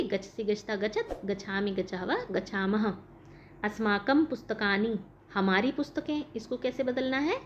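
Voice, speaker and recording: A woman teacher explaining a school lesson, asking questions and answering them herself. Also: medium pitch. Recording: dull lo-fi recording with faint noise.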